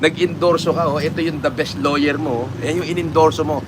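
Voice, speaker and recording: Filipino man, fairly high voice, live-stream host, mocking, laughs a lot, traffic noise behind. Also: steady tone, brisk. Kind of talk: casual live-stream chat, reading comments.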